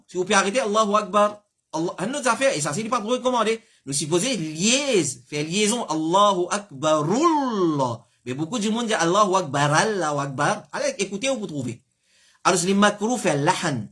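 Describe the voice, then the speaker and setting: A man's voice: high voice, fairly bright tone, breathy edge. A man with a Mauritian accent giving religious teaching, explaining and sounding out pronunciations himself. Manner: explanatory, demonstrates pronunciations aloud. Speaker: Islamic scholar answering questions.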